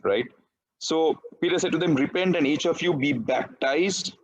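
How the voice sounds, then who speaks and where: A man's voice: a little high, moderate pace, muffled recording. A man, preaching a sermon in a conversational way and often checking in with "right?". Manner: conversational, peppered with "right?" tag questions. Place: church.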